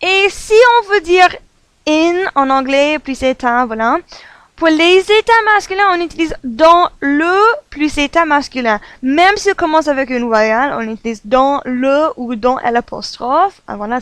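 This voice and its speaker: A woman's voice: sits high, measured pace, a bit bright, smooth, no room sound. Woman teaching a French grammar lesson. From United States. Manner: patient, repeats examples, fills with "voilà" and "euh".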